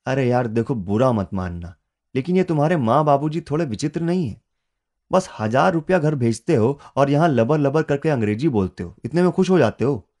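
A man's voice: mid-range voice, animated, a little mellow, close to an everyday voice. Man doing a brash teasing guy. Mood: mocking. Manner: teasing, boisterous, quick. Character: brash swaggering Bihari man, teasing and loud.

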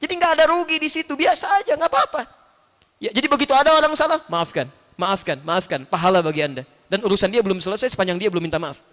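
A man preaching a sermon, telling stories and acting out the dialogue with big swings in his voice. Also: rapid-fire. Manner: animated storytelling, acts out dialogue with big pitch swings. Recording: reverberant hall.

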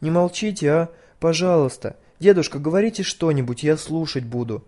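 A man's voice: fairly high pitch, a little fast, warm tone, voice pushed up, close to an everyday voice. A man voicing a frightened, chatty schoolgirl who squeals and pleads breathlessly. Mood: shaky.

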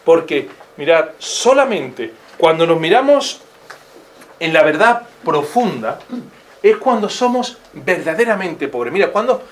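A Spanish-accented man gives an informal talk on faith to a class. His voice is fairly high for a man and swings widely in pitch. He fires off rhetorical questions and slips into quoted voices, with a faint hiss behind him. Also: a little slow. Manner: animated, asks many rhetorical questions, acts out quoted voices. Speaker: catechist. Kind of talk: informal religious teaching.

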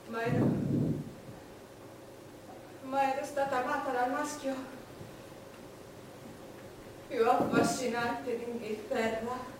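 An actress playing an imperious, lustful, proud queen in a theatrical stage monologue, haughty and declamatory, with deliberate dramatic pauses. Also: sits high. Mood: wistful, resolute. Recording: echoey theatre, distant noisy mic.

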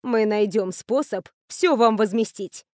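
A woman voicing a stern older female professor and matriarch who speaks in a brisk, authoritative way. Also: mid-range voice, darkish tone, dry recording, studio quality, lightly acted.

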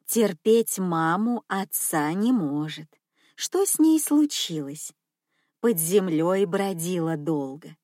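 A woman voicing a scheming, manipulative old grandmother who speaks slowly in a cooing, sugary tone. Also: medium pitch, a little mellow, no echo, studio quality.

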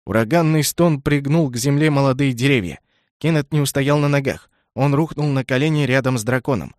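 A man's voice: mid-range voice, no echo. Man reading a fantasy audiobook. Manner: measured, even reading. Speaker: audiobook narrator. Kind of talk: scripted narration. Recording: dry close studio sound.

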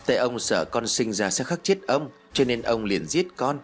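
Horror storybook: the ghost of a little boy, high and childish, sulky and vengeful, put on by a male narrator, husky tone, lively pitch. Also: moderate pace, soft background music. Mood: resentful.

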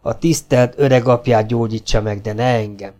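A man's voice: mid-range voice, steady tone, darkish tone, soft background music, lightly acted. A man voicing a stubborn young legionnaire who answers with wry, polite defiance.

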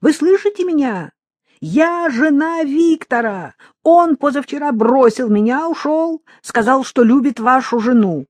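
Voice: mid-range voice, animated, measured pace, darkish tone, breathy edge, dry recording. A reader voicing a frantic, tearful deceived wife who pleads breathlessly down the phone in an audiobook. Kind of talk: audiobook reading.

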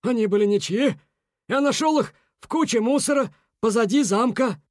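A storyteller voicing a sly, cheerful male beaver who hawks goods in a brisk salesman's patter. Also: mid-range voice, dry recording, studio quality, pitched above the performer's own voice, natural voice. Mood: insistent.

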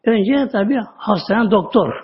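A man giving a religious talk, telling stories with drawn-out words and sudden drops to a low voice. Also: expressive. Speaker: religious teacher. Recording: dull lo-fi audio recording.

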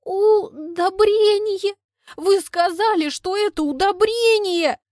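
A woman's voice: very high-pitched, takes it slowly, darkish tone, no echo, studio quality, voice pushed up. A woman reading an audiobook, voicing a melodramatic young heroine who breaks into wailing outbursts. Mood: horrified.

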